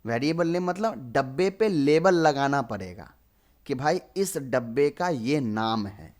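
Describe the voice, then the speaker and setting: A man's voice: medium pitch, expressive, measured pace, a little mellow. A young man in his twenties teaching programming, explaining step by step and answering his own questions. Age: 20s. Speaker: programming tutor. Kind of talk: screen-recorded coding lesson.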